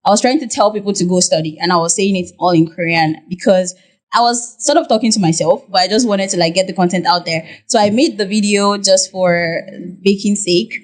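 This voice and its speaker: Animated Nigerian woman explaining. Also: medium pitch, brisk. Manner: animated, explanatory, many "like" fillers. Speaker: guest, content creator. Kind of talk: podcast interview.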